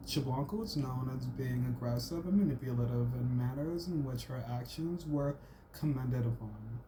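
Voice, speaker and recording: In a rough recording with some hiss or hum, a man with a warm, mid-range voice talks loosely to his audience before reading out a school assignment. Fillers pile up, especially "like" and "freaking," and his reading is full of stumbles and restarts.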